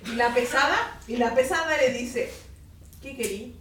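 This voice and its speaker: A Chilean woman teaching at a Bible institute, sharing a personal testimony in an informal, animated storytelling manner and acting out dialogue. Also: sits high, normal speed. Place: classroom. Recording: distant mic in an echoey room, faint hiss.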